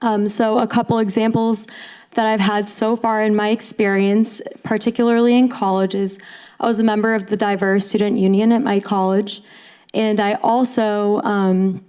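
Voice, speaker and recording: A woman's voice: medium pitch, flat delivery, moderate pace, darkish tone, clear, resonant tone. A woman in her twenties giving a fluent, earnest statement to a council. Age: 20s. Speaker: appointee to cultural council. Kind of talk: prepared statement at a council meeting.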